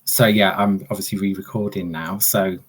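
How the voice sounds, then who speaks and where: A man's voice: deep voice, flat delivery, normal speed, slightly rough. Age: adult. Sex: man. Role: chatty hairdresser host on a video call. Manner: chatty, many restarts and fillers. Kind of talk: casual video call chat. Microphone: video call microphone.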